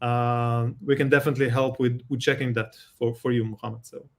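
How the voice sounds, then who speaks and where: A man with an Israeli accent, a guest expert in a live Q&A, explaining calmly with examples and halting rephrasing. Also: medium pitch, creaky.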